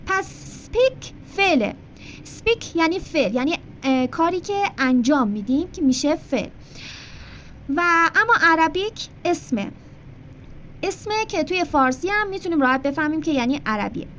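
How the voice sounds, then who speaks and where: High-voiced woman teaching English slowly. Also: expressive, fairly bright tone, slight background noise. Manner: explains in Persian, repeats English examples slowly and clearly; addresses learners directly, prompts them to answer. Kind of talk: language lesson.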